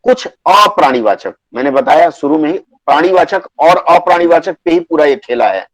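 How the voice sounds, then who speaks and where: A man teaching a Hindi grammar class online, patiently repeating rules and dictating word lists slowly. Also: a little high, lively intonation, dry recording, low-quality recording.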